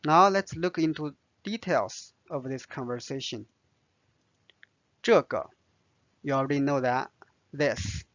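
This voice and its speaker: A man's voice: medium pitch, slow, long pauses, fairly bright tone, no echo, dull audio. A man with a Chinese accent teaching vocabulary, patiently spelling out each word and its tone. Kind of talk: slow vocabulary lesson.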